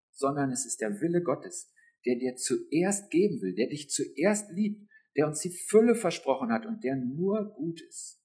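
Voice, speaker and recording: A man preaching a sermon in a lively, intimate way, speaking straight to his listeners. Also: a little high.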